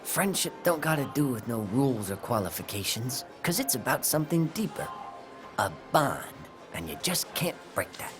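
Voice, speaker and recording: A man's voice: mid-range voice, very animated, moderate pace, lightly acted. A man playing an upbeat, endearing teenage boy in an anime dub, eager and slangy, with music behind. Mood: eager, sincere. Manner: eager, slangy, folksy phrasing. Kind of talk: English anime film dub.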